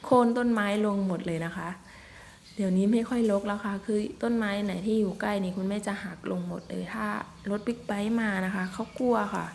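Narrating her forest vlog while filming elephants, a woman talks in a mid-range, fairly even, creaky voice at a brisk pace. She's chatty and polite, sprinkling in soft particles, and there's a little hiss or hum.

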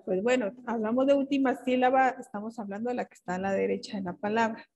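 A woman's voice: fairly high pitch, steady tone, quick pace, darkish tone, rough recording. A young adult woman teaching a grammar lesson in a patient, explanatory way, often checking in with her students.

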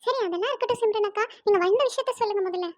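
Cartoon: woman voicing a stingy, bossy housewife; very high, fast, nagging. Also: no room sound. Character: bossy, penny-pinching married housewife neighbor. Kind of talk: cartoon comedy voice acting.

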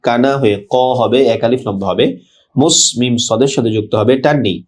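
A Bangladeshi man teaching tajweed. He recites verses slowly and drawn out, then explains each sound in quick plain speech. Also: mid-range voice, darkish tone, breathy edge. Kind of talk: tajweed lesson, word-by-word explanation.

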